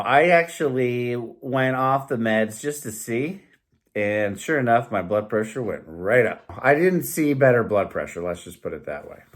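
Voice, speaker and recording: A man hosting a health vlog, talking casually and reading out points with rambling, jokey asides. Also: medium pitch. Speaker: host of a health challenge series.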